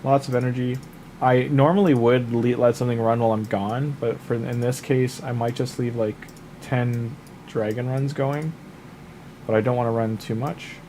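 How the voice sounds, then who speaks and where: A little hiss or hum runs under this clip of a man gaming on stream late at night, talking at a moderate pace with a medium-pitched voice. He casually rambles advice to viewers, full of fillers, while sniffling through the end of a cold.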